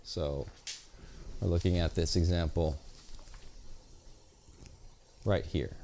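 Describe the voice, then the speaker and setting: Man, jazz guitar teacher, slightly low voice, patient explaining, counts beats slowly. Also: mellow, a little hiss or hum. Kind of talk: instructional video lesson. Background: guitar playing between explanations.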